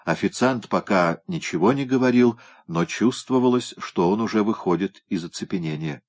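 A man narrating an audiobook in a steady, even storytelling manner. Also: on the low side, normal speed.

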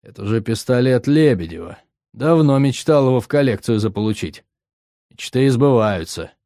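A man's voice: mid-range voice, animated, normal speed, mellow, dry recording, studio quality, lightly acted. A man voicing a menacing male mercenary commander who barks orders and mocks. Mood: smug. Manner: barking commands, mocking.

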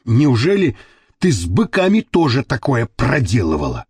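A nervous thug pleads and hisses in a low, hushed voice, as a male narrator plays him. The sound is dry and close, with no room around it. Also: huge pitch swings, normal speed, slightly rough, no echo, exaggerated voice.

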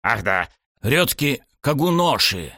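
A man voicing a loud, pushy, eccentric old male baseball coach in an audiobook, bellowing and overbearing. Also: mid-range voice, very animated, slow, no echo, studio quality, pitched above the performer's own voice, full character voice. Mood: dreamy. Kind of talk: audiobook character voice.

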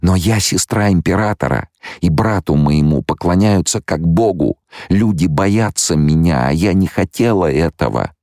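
An anguished young noblewoman seer, imperious and bitter, as a man voices her. Her voice sits clearly above the reader's own low register and keeps a gravelly edge, sharp and breathless. The audiobook recording is close and dry. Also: expressive, normal speed, no room sound. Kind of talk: audiobook character voice.

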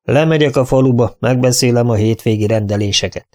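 A man's voice: medium pitch, a little mellow, natural voice. A man voicing a domineering old spinster lady who speaks in curt, commanding sentences.

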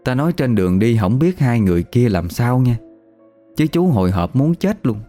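A man's voice: medium pitch, very animated, normal speed, mellow, faint music behind. A man telling a ghost story in a chatty, conversational way. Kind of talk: casual spoken ghost story.

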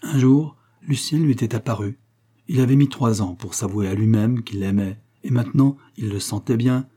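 Guy reading an old novel out loud, kinda husky, slow and careful. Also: medium pitch. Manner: measured, literary reading. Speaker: audiobook narrator. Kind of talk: scripted narration of a novel.

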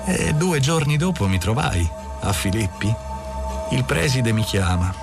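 A man reading a literary novel aloud in a calm, even storytelling manner. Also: fairly low pitch, unhurried, gravelly, over loud music. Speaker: audiobook reader. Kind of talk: literary audiobook narration.

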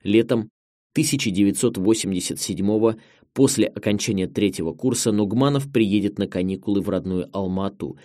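Speaking into a close studio microphone with no audible room, a lowish-voiced man reads a memoir audiobook, his storytelling measured yet expressive.

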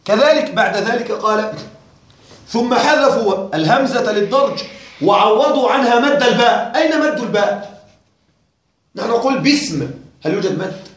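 A man's voice: very high voice, animated, moderate pace, pauses often. A male teacher giving a classroom lecture on a grammar text, questioning and wryly puzzled as he talks straight to his students. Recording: very echoey room.

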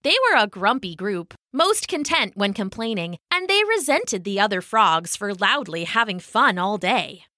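Animated woman reading a storybook. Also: mid-range voice, a little slow, hardly any pauses, no room sound, clean studio sound.

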